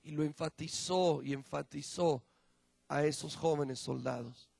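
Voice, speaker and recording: Male pastor preaching, high voice, slow and deliberate, swings from loud cries to near-whispers, dry close sound. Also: gravelly, breathy edge, dry recording. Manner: impassioned preaching, dramatic swings from loud to hushed; slow, drawn-out emphasis on key words. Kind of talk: sermon.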